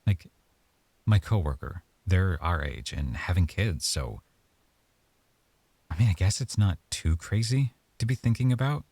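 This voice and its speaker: This intimate ASMR roleplay features a man in the role of an affectionate young boyfriend, his voice sitting low as he speaks softly and haltingly while thinking aloud. The exaggerated, animated performance sounds hesitant and unsure. No echo is audible.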